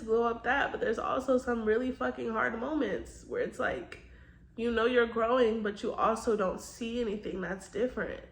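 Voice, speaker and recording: A woman's voice: on the high side, a little hiss or hum. A woman vlogging casually to her phone, candid and reflective, peppering her talk with "like" and "girl". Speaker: lifestyle vlogger. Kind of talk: casual vlog chat. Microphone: phone camera. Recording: roomy sound from away from the phone.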